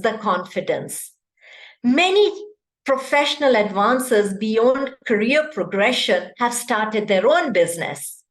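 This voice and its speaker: A woman from Kenya, giving a prepared speech over a video call and often putting questions to her audience. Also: medium pitch. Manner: interactive, poses questions to the audience. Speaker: club speaker. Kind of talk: prepared speech at an online meeting. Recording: echoey room.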